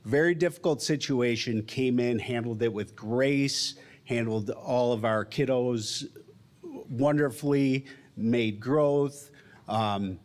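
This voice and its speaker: Man, principal, slow deliberate delivery, plain mid voice, board-meeting intro. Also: mid-range voice, darkish tone. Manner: measured, with pauses and fillers. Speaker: school principal. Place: school board meeting room.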